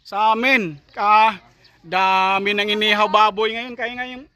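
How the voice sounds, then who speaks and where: A man's voice: high-pitched, steady tone, slow, bright, forceful tone, clear, resonant tone. A man vlogging outdoors in the countryside, chatting casually and joking, laughing often.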